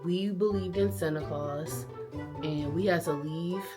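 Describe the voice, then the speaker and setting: A woman vlogger casually telling a childhood story to camera, animated and acting out family members' lines. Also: lowish voice, measured pace, over music.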